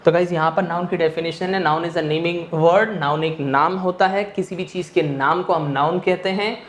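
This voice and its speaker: A man's voice: high-pitched, normal speed, fairly bright tone, slight background noise. Echoey male teacher drilling his class. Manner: asks questions and answers them himself, drilling words; mixes English phrases into Hindi explanation. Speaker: English teacher. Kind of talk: online classroom lecture. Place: teaching room with a board. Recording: echoey room.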